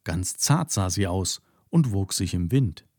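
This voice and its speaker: Male storybook narrator, expressive and slow, low warm tone. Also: no echo, clean studio sound.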